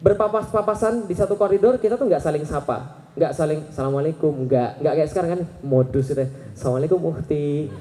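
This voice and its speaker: A man in his thirties preaching a lively Islamic sermon to a live crowd, telling stories, acting out the people he quotes and asking the audience rhetorical questions. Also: fairly high pitch, brisk, slight background noise. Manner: animated storytelling, acting out quoted voices. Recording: echoey hall sound.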